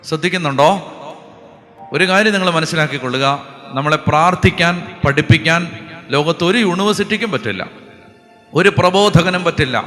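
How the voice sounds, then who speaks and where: A priest preaching a sermon, often questioning the congregation and moving between loud proclamation and quiet asides. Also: male voice, on the high side. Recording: long hall reverb with faint music behind.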